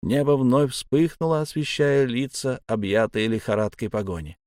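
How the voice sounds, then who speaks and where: A man narrating an adventure audiobook in a steady, even reading voice. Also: mid-range voice, moderate pace, no room sound, clean studio sound. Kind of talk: scripted narration.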